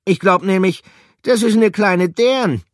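A man's voice: sits high, measured pace, no echo, studio quality, voice pushed up. A man voicing a cheeky, talkative male mouse in a storybook reading.

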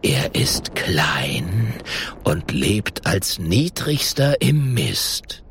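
A man voicing an ancient, menacing female snake goddess who speaks slowly in a low, hissing whisper. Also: big pitch swings, vocal fry, a bit bright, full character voice.

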